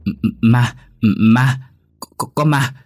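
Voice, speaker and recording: A man's voice: lowish voice, animated, quick pace, breathy edge. A man voicing a grumpy old male landlord who scolds his servants and stammers in fright. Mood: terrified stammering. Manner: shouting, stammering in terror.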